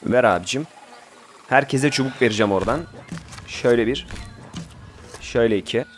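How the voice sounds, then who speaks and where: A man's voice: mid-range voice, faint music behind. Chatty young man narrating a game. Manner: chatty, bossing his in-game troop, quick outbursts. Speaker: gameplay commentator. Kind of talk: casual Let's Play commentary.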